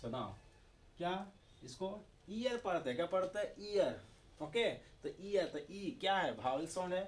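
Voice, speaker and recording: A man's voice: high voice, lively intonation, unhurried. A man with an Indian accent teaching English grammar, asking questions and repeating the answers himself. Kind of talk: classroom-style video lesson in Hindi.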